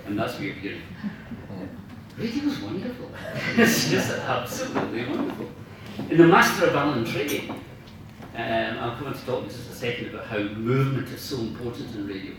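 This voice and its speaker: At a club dinner in a large indoor room, a radio dramatist gives an informal after-dinner talk about writing. He is enthusiastic and emphatic, sometimes searching for words, speaking at normal speed with a medium-pitched, animated voice. The room is very echoey, the mic distant, and there's faint noise.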